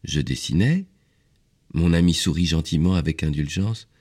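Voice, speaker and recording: A man reads a story aloud in a very low voice. His delivery is measured and expressive, with a melody that rises and falls widely. This is audiobook narration.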